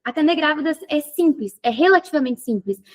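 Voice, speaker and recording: A woman's voice: high-pitched, animated, brisk. A woman hosting an interview, talkative and thinking aloud with many fillers. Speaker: podcast host and physiotherapy teacher. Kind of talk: casual interview chat.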